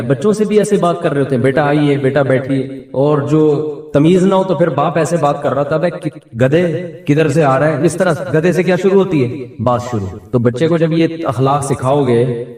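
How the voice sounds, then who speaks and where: A man's voice: on the high side, darkish tone, far from the mic. Male preacher, Pakistani Urdu accent, raised voice, asks then answers, mimics quoted people, echoey hall. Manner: asks the audience questions and answers them. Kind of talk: Islamic sermon.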